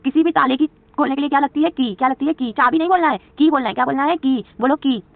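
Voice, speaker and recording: A woman's voice: high-pitched, fast, gravelly, no echo. A woman with a Hindi accent teaching a beginner spoken English lesson. She keeps asking her own questions and answering them over and over. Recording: tinny phone-like audio.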